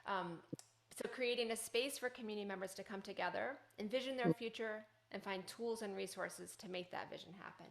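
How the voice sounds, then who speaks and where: A woman's voice: mid-range voice, fairly quick, vocal fry, echoey room. A woman hosting a podcast, asking questions in an encouraging, engaged way. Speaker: podcast host. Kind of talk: podcast interview.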